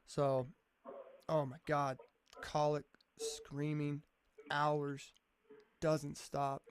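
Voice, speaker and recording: A man's voice: fairly high pitch, monotone, very slow. A man as a podcast guest in casual chat, a laid-back, profane storyteller who keeps calling people "man.".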